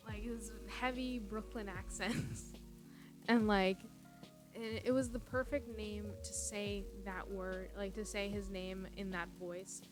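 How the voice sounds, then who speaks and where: A woman's voice: mid-range voice, fairly even intonation, unhurried. Young woman rambling on stream from her room, lots of likes and ums, laughs a lot, music going in the background. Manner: chatty, giggly, many fillers and tangents. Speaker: livestreamer. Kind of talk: casual rambling storytelling. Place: at home, own room. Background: music playing.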